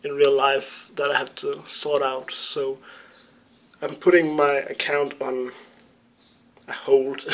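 Poor audio captures a medium-pitched young man from Denmark answering viewer questions in a casual webcam vlog from a small room at home. A YouTube gamer speaking Danish-accented English, which isn't his first language, he hesitates with many ums and self-corrections.

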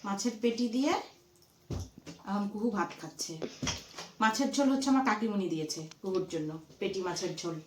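A woman chatting casually for her home vlog, filmed on a phone in a family house, often speaking softly and hushed. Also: medium pitch, normal speed, pauses often, background noise. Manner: chatty, drops to a hushed near-whisper at night. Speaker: vlogger.

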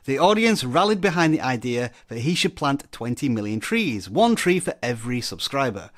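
A man with an English accent reads a script aloud with playful expression. His intonation swings widely. His pitch sits in the middle. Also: big pitch swings, moderate pace, fairly bright tone. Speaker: guest youtuber.

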